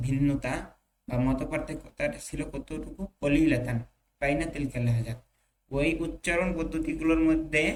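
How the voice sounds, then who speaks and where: Man teaching Arabic in a slow, hesitant lecture. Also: on the high side, slight background noise, rough recording. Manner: reads Arabic slowly, then explains with hesitant fillers and asides to students. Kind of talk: online class lecture, explaining Arabic text in Bengali.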